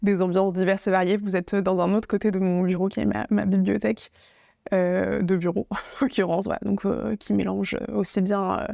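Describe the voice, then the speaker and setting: A woman's voice: mid-range voice, flat delivery, normal speed, creaky, warm tone, no room sound, clean studio sound. A woman with a French accent talking to camera in her home office, chatty and full of fillers and restarts. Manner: chatty, many fillers and restarts, playful asides. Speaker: YouTuber presenting a book review. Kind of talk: casual talking-to-camera vlog. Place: home office with bookshelf, indoors. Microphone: camera facing her, laptop notes in front.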